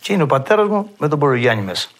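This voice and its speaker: A man with a Cretan accent, a mandolin player telling stories from his past and acting out old conversations in a lively way. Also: a little high. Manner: lively storyteller who acts out past dialogue. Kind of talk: reminiscing storytelling.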